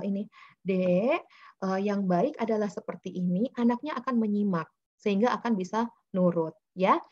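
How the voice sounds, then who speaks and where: A woman's voice: fairly high pitch, a little mellow, highs cut off. A woman presenting slides in a webinar, explaining things patiently with many fillers and acting out little examples. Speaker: webinar speaker on child communication.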